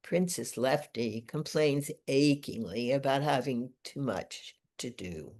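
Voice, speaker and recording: A woman, the featured poet, reading her own poetry aloud in a measured, deliberate way. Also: extremely low pitch, expressive, darkish tone. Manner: slow, deliberate, measured delivery.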